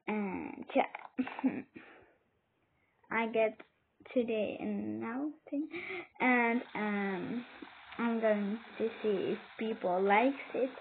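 Slow, hesitant woman on tinny audio. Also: fairly high pitch, husky. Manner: hesitant, many fillers and exclamations. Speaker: game player. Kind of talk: playing a role-play game with commentary. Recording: tinny phone-like audio with faint noise.

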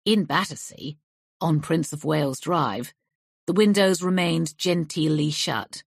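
A woman's voice: deep voice, a little slow, gravelly, husky, no room sound, studio quality. A woman narrating a crime novel audiobook, shifting her voice lightly for the characters' lines. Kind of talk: scripted narration.

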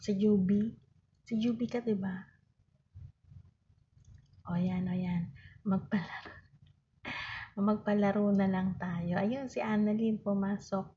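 A woman's voice: medium pitch, fairly even intonation, takes it slowly, pauses often, dull audio, a little hiss or hum. A woman hosting a casual live stream, greeting viewers by name and often dropping her voice to a whisper. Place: home with other people around. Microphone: phone camera.

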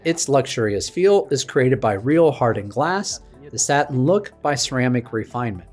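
Male presenter, 30s, polished keynote delivery, mid-pitched voice, light music under. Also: animated, moderate pace. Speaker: product presenter. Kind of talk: scripted product keynote. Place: studio stage with dark backdrop.

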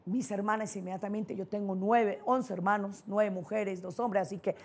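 Middle-aged paisa woman, motivational speaker; mellow, husky voice, emphatic storyteller. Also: mid-range voice, steady tone, moderate pace. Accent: Colombian paisa. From Colombia (Antioquia). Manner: personal storytelling, emphatic and candid. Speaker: neurolinguistic programming trainer, speaker. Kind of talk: motivational conference talk.

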